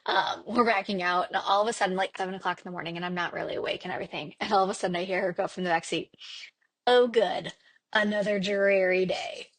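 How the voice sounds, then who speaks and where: A woman co-hosting a podcast in a casual chat, chatty and giggly, sometimes dropping to a hushed aside. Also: fairly low pitch, steady tone, racing, hardly any pauses. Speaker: podcast co-host.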